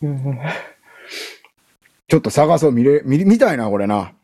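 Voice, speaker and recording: A man with a Kansai accent co-hosting a podcast in casual chat, relaxed as he tells the story, with playful jokes. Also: medium pitch, normal speed. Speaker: podcast co-host.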